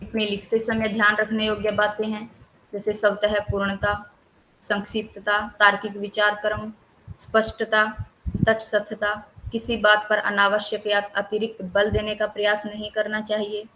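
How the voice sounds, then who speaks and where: Flat-voiced woman teacher revising online. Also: mid-range voice, a little hiss or hum, low-quality recording. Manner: lists topics steadily with few pauses. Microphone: computer mic on a video call.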